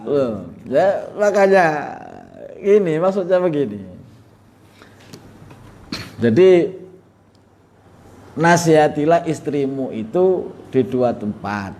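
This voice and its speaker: A man's voice: fairly high pitch, expressive, slow, long pauses, warm tone. A man giving a humorous religious lesson, chatty and laughing often as he acts out little dialogues. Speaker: religious teacher. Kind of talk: sermon.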